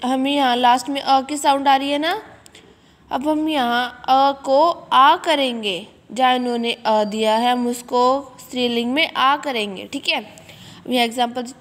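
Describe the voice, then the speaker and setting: High-voiced woman teaching slowly, echoey room. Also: a bit bright. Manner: explains step by step, repeats words and checks with "ठीक है". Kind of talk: Hindi grammar lesson.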